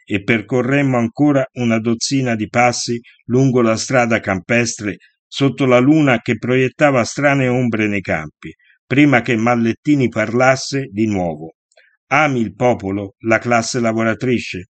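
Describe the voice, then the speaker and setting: Measured male audiobook reader. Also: mid-range voice, no room sound. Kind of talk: scripted first-person novel narration.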